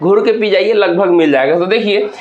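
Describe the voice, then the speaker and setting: A male teacher with a high voice explains exam answers one by one, asking himself questions before giving each answer. He is recorded in a roomy space with noticeable echo. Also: fairly quick, darkish tone, highs cut off. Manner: explains step by step with repeated rhetorical questions. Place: hot room with a towel in use.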